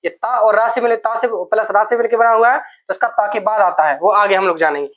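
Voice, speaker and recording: A male teacher giving a classroom lecture. He dictates notes at a slow pace and repeats each phrase so students can write it down. He keeps asking the class questions and then answers them himself. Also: sits high, fairly bright tone. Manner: dictates slowly, repeating words for students to note down.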